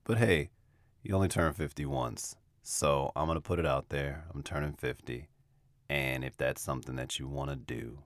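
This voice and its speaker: A fifty-year-old man from the United States hosting a podcast, telling personal stories in a relaxed, self-deprecating, reflective way. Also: very deep voice, no room sound, clean studio sound. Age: 50s. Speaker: podcast host. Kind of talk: casual personal storytelling.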